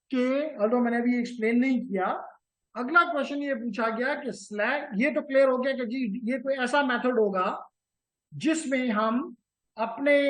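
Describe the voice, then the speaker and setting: A man's voice: extremely high pitch, rough recording. A man teaching a live networking class. He slips English technical terms into his explanations, repeats key terms and keeps checking whether students follow. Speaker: networking instructor.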